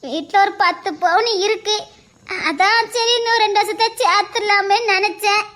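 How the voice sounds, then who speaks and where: A kind, trusting older mother-in-law comforts and fusses in a soft, bright voice, as a woman puts her on for an animated story. She speaks, gentle and unhurried. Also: very high-pitched. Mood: thoughtful. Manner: gentle, soothing, fussing.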